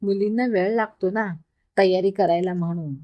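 A woman's voice: mid-range voice, moderate pace, lo-fi sound, natural voice. A woman voicing a teasing young woman. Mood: playful. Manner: lively, teasing banter. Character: playful young woman teasing her friend. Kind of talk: storytelling dialogue.

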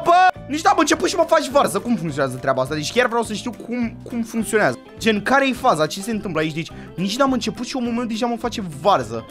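A young man giving excited gameplay commentary, talking to his viewers and swinging from hushed asides to loud outbursts. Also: high voice. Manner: animated, talks to viewers, jumps from hushed to loud. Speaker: gaming YouTuber.

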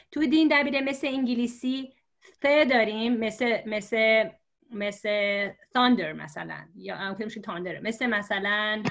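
Woman, teacher, fairly high voice, patient, explains slowly, many pauses and fillers. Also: fairly bright tone. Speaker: religious script teacher. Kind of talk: storytelling lesson for learners.

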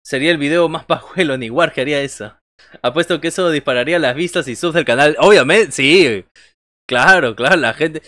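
A man's voice: a little high, brisk, fairly bright tone, no echo, studio quality. A man in his thirties doing casual wrestling commentary on a livestream, joking and conversational as he talks with viewers. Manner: joking, conversational, reacting to chat and calling moves. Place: small bedroom, indoors.

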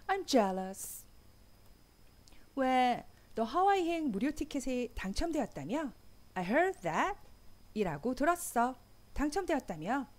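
A woman teaching English vocabulary, reading example sentences slowly and clearly. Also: sits high, big pitch swings, darkish tone. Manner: slow, carefully enunciated example sentences. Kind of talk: language lesson. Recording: faint background music.

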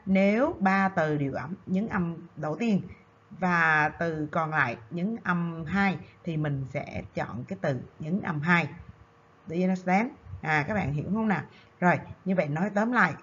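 A woman's voice: lowish voice, dull audio, slight background noise. A woman teacher from Vietnam giving a recorded revision lesson, explaining step by step with frequent hesitation fillers. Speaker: secondary school English teacher.

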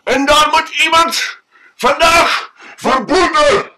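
A man voicing an angry drunk man who yells and swears over and over. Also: very high voice, takes it slowly, voice pushed up, heavily acted, poor audio. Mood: angry shouting. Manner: yelling, swearing, repeating himself. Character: furious drunk man locked out, shouting.

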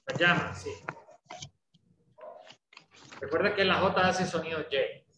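A man's voice: on the high side, normal speed, sharp tone. Patient male teacher on a roomy call. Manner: patient, explanatory, often adds "¿verdad?" checks. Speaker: English teacher. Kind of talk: online English class explained in Spanish. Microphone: video call. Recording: roomy echo, faint background noise.

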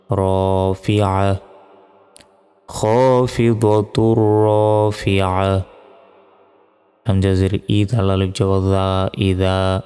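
Low, flat-voiced man teaching recitation. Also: clean tone. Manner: spells letters and vowel marks slowly, then chants verses. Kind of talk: religious lesson with spelled-out recitation. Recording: long reverb with faint music.

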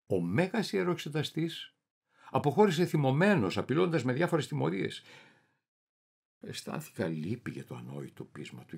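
A man performing a theatrical reading as a deluded, paranoid middle-aged clerk, swinging wildly between shouting and muttering. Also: medium pitch, gravelly, slightly rough, heavily acted. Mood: conspiratorial. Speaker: reader of a dramatic monologue.

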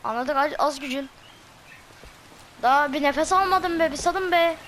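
A woman streaming a game with excitable, chatty commentary and shouted reactions. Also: high-pitched, normal speed, background noise. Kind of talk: let's-play commentary. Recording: voice over loud game music.

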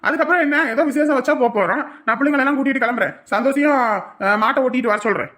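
A woman playing a dutiful village man, firm, reassuring and quick to anger. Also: sits high, a bit bright. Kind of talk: village drama acting.

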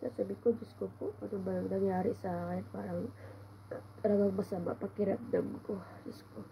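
Woman vlogger, stuffed-up voice, rough and low-toned, rambling and sighing through a home story. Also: little pitch movement, a little fast, dark tone, slight background noise, rough recording. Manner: meandering, with frequent sighs of complaint. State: congested, voice roughened by a cold.

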